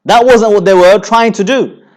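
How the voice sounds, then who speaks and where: A man giving a religious lecture, building rhetorical points and filling pauses with "you know" as he repeats phrases. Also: high-pitched, darkish tone. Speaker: Islamic preacher.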